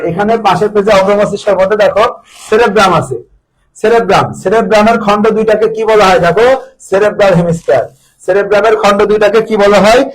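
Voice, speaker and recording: In a low-quality recording, a man with a high voice gives an exam-prep biology lecture, going over every term again and again and putting questions to his students about it.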